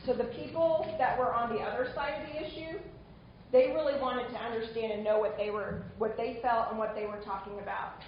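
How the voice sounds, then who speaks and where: A woman's voice: fairly high pitch, reverberant, lo-fi sound, a little hiss or hum. A woman instructor giving a recorded online lecture in a conversational way, often stopping for small asides.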